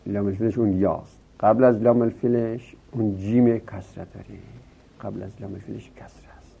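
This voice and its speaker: A male teacher works through a grammar lesson patiently, step by step. His fairly low voice lifts into a chant each time he recites a row of verb forms. The recording is thin and phone-like. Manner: recites verb forms in a rising sing-song, explaining step by step. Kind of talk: Arabic grammar lesson in Persian.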